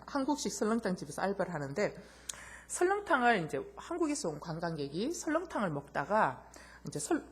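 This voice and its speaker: Husky-voiced woman pastor preaching. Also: on the low side. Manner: addresses the congregation directly with rhetorical questions; tells anecdotes, acting out the voices. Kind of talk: sermon.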